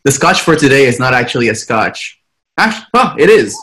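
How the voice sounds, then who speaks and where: A man co-hosting a casual podcast, a bit hesitant and quick to laugh, on a video call. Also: medium pitch, sing-song, fairly bright tone, rough recording. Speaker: podcast co-host.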